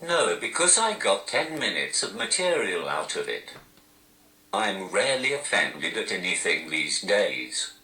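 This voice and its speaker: A man speaks through a posh-sounding, robotic text-to-speech voice, set very low but swinging widely in pitch. The delivery is slow and deadpan, with dry self-mockery. The sound is bright and hard, heard in a roomy, echoing space. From Newcastle, England. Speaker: stand-up comedian. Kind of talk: interview answers typed into a speech device.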